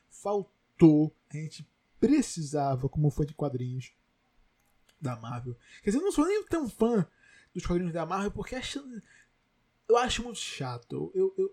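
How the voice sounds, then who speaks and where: Excitable husky Brazilian podcast host. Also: male voice, high voice. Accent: Brazilian Portuguese. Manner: rambling, self-correcting, excitable. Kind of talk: casual chat.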